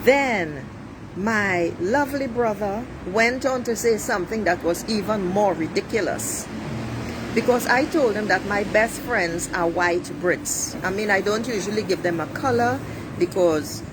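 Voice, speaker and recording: A middle-aged Trinidadian woman, a life coach livestreaming outdoors near traffic, delivers a blunt, preachy monologue to her viewers in a Trinidadian accent, swearing freely. Her voice is mid-range and a little slow. Passing cars and a siren can be heard behind her.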